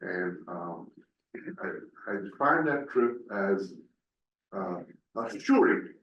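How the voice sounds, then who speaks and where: An older man from New York reflects on a panel, pausing often and searching for his words. His voice sits a little low. He is picked up from a distance in a roomy hall, and the sound is dull. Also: animated, a bit bright, a little hiss or hum. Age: 60s. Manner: reflective, hesitant, with many fillers. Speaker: panelist, teacher. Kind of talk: panel discussion.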